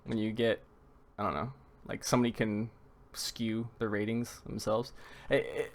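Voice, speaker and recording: A man's voice: fairly low pitch, flat delivery, normal speed. A man from North America casting a live esports tournament who rambles with many fillers and restarts, and has the hiccups. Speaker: tournament commentator.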